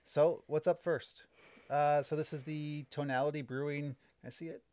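A man's voice: on the high side, steady tone, moderate pace, warm tone, clear, resonant tone, no echo. A man hosting a casual podcast from home, recapping village board business in an explanatory, chatty way with many fillers. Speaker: village trustee and podcast host. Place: home, kids and cats in the house.

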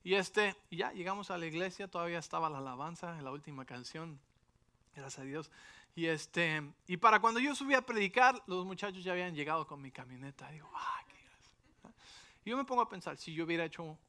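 A man's voice: fairly high pitch, quick pace. A middle-aged man, a pastor telling a personal story in a sermon and checking in with his listeners often. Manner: animated storytelling with frequent rhetorical asides.

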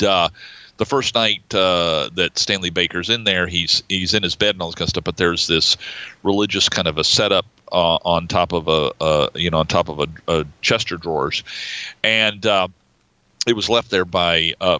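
A man's voice: sits low, pushed and bright, no room sound, dull audio. A man co-hosting a casual film podcast, talking in a rambling way with many fillers and restarts. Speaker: podcast co-host.

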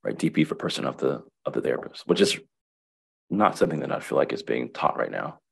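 A man's voice: a bass voice, expressive, fast talker, vocal fry, breathy edge. A man talking as a counselor in a casual webinar conversation, thoughtful and full of restarts. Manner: reflective, many restarts and repetitions. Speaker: counselor and guest.

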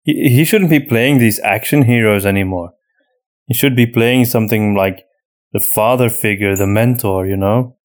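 Speaking at a moderate pace in a lowish voice, a podcast host and audio drama creator answers in casual, unscripted conversation. He sounds hesitant, thinking out loud and leaning often on "you know".

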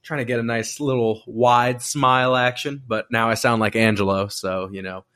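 A podcast host chats casually in a pushed, bright, mid-range voice with fairly even intonation and moderate pace. New teeth aligners give him a slight lisp, and he often rambles and restarts sentences.

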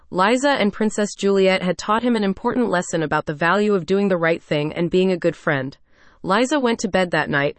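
A woman narrating a scripted children's story in a steady storybook reading. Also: on the low side, no room sound.

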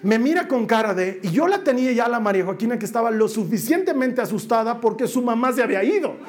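A man giving a sermon, telling a family story in a lively way and acting out the voices of the people in it. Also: very high-pitched, fast. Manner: animated storyteller who acts out family voices. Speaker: preacher.

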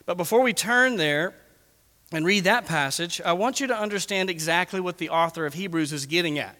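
A man's voice: sits high, brisk, sharp tone, big-room sound. A man preaching a sermon in an emphatic way, repeating words for stress. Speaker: pastor.

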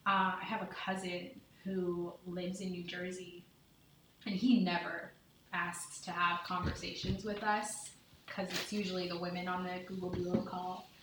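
A woman and mother talking earnestly and deliberately in a candid conversation, heard on a distant mic in an echoey room. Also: on the low side, level tone, fairly bright tone, a little hiss or hum. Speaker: podcast guest, mother.

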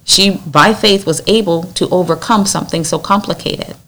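A woman's voice: fairly low pitch, normal speed, a bit bright. A woman leading a Bible study in an earnest, exhorting way, acting out the lines she quotes. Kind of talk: conversational Bible teaching.

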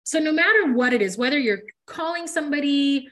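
A woman's voice: sits high, expressive, a little fast, fairly bright tone. A woman hosting a casual podcast chat, talking emphatically and addressing listeners directly. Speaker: podcast host, hair educator.

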